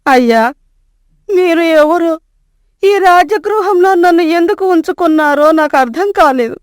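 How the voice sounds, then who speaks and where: A woman's voice: very high-pitched, measured pace, dry recording, studio quality. A woman voicing a poor, homesick old village grandmother in a storybook tale, with a pleading, aged manner. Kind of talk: storybook voice acting.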